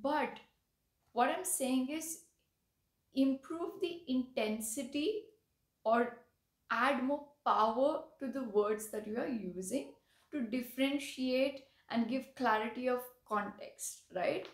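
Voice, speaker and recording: A woman's voice: high-pitched, takes it slowly, reverberant. A woman teaching English vocabulary, explaining patiently and often checking in with "right?". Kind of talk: vocabulary lesson.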